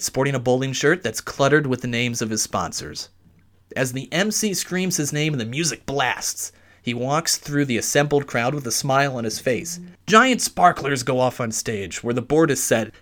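A male podcast host tells a scripted sports story with lively, wide-ranging intonation. His pitch sits in the middle for a man and moves around freely. He is recording inside a closet in a basement.

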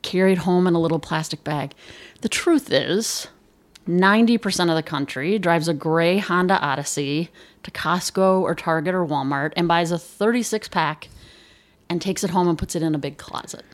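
The speaker is an agency chief executive from Chicago, by her accent, being interviewed as a guest in a relaxed conversation. Her voice sits on the low side at a moderate pace, and her manner is forceful, frank and playful.

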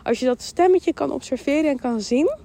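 A woman with a Dutch accent hosting a podcast, giving a calm, emphatic mindfulness talk that repeats phrases and voices the thoughts in her head. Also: high voice, a little fast, creaky. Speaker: podcast host. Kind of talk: mindfulness monologue.

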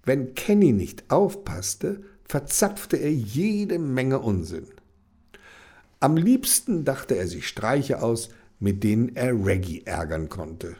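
Husky, lively male storyteller. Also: mid-range voice, takes it slowly. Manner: lively, expressive. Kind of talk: children's story reading.

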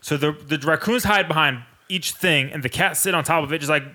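Bright-voiced guy telling a story. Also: a little high, brisk. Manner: laid-back storyteller, does funny voices for animals and his dad, lots of swearing. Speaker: podcast co-host. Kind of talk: casual chat.

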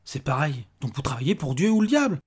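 A man reading aloud and voicing a despairing, disbelieving man who answers in a blunt, rude, sharp-tongued way. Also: medium pitch, very animated, fast talker, slightly rough. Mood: incredulous. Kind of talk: audiobook character voice.

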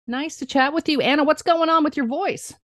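A woman's voice: high-pitched, brisk, a bit bright, dry recording. Middle-aged woman hosting, dry close sound. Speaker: podcast host. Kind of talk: casual chatty hosting.

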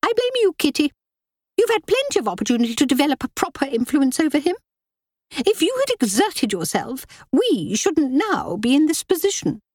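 A woman doing a shrill nagging society lady. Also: wildly swooping pitch, unhurried, slightly rough, no room sound, studio quality, heavily acted. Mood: scolding. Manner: shrill, scolding, sulky. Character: tactless nagging aristocratic middle-aged woman.

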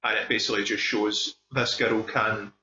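Reviewing films casually and with real enthusiasm, a Scottish man hosting a film podcast leans hard on emphasis. His voice sits lowish with fairly even intonation, pushed and bright, at a moderate pace. The audio is dull and echoey, from a room.

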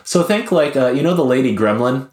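A man's voice: medium pitch, expressive, fairly quick, a little mellow, reverberant. A man casually telling a long, wry story in a rambling, hesitant way. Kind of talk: casual chat.

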